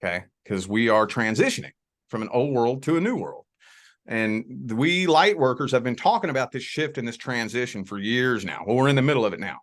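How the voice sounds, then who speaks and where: Medium in pitch and animated, his voice carries a Southern accent from the Indiana-Kentucky border, specifically Southern Indiana close to Louisville. He's a guest on a video call offering spiritual talk and a tarot reading, sounding folksy and reassuring while stretching words out for emphasis.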